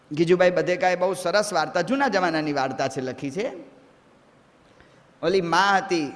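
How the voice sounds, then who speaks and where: Man, monk, slightly high voice, unhurried storytelling sermon, long hall echo. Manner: slow, story-telling delivery with rising questions to the audience.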